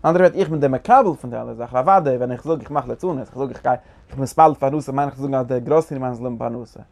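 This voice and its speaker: Gravelly-voiced man giving a Torah lecture. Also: medium pitch, fast, a little mellow. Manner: rhetorical questions, repetitive restarts. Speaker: Torah teacher.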